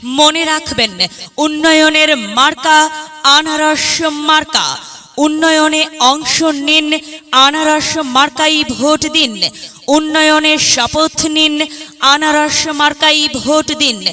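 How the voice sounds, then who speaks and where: A man's voice: extremely high pitch, fairly even intonation, slow pace, pushed and bright. A man announcing an election campaign promo in rhythmic rhyming slogans, trading lines with a partner. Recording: music bed behind the voice.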